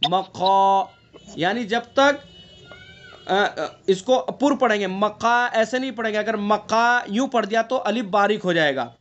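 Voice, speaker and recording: A man with a high, slightly bright voice leads an online Quran recitation class, where the audio's highs are cut off. He quizzes his students, works through the rules one by one, and recites verses in a slow, drawn-out way.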